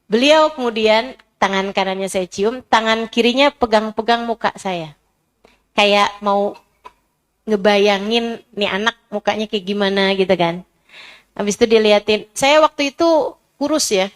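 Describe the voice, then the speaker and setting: A middle-aged woman preacher giving a sermon through a personal story, her voice moving from soft and low to high and emotional. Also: measured pace.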